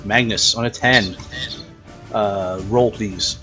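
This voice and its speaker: A man narrating a tabletop role-playing game as game master, describing action in a halting way. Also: fairly low pitch, fairly even intonation, bright, forceful tone, soft background music.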